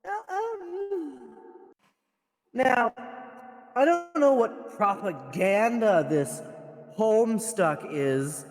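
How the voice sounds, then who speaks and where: A man's voice: extremely high pitch, animated, extremely slow, pauses often. Man with a cathedral reverb voice mod. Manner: stern, stammering, repeats words. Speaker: mock interdimensional prosecutor. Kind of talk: improvised comedic roleplay trial.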